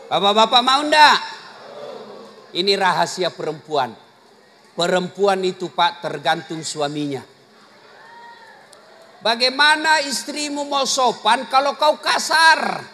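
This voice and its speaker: A man's voice: high voice, animated, takes it slowly, long pauses, slight background noise. A man preacher, giving a jokey, teasing sermon to a live congregation. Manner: jokey, teasing, switches between quiet asides and shouted punchlines. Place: large hall or mosque, live audience. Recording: live hall with long reverb, faint crowd ambience.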